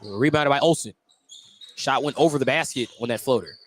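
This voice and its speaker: Bouncing basketballs and gym noise surround an American play-by-play announcer calling a live radio basketball game inside a school gym. He speaks briskly in a medium-pitched voice, and the broadcast is noisy.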